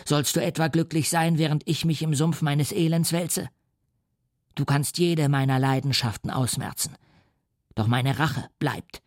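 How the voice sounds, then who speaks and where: A man's voice: a little high, steady tone, a little slow, no room sound, studio quality, close to an everyday voice. A male audiobook reader voicing a lonely, wronged creature who turns vengeful, speaking in a choked, menacing voice. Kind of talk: audiobook reading.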